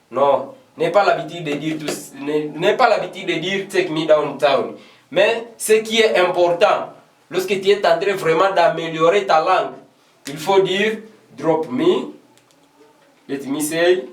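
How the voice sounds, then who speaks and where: A man teaching English in a classroom, repeating example phrases slowly and switching between French and English. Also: on the high side. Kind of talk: classroom lesson at a board. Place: classroom with a board. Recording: echoey room, voice from far off.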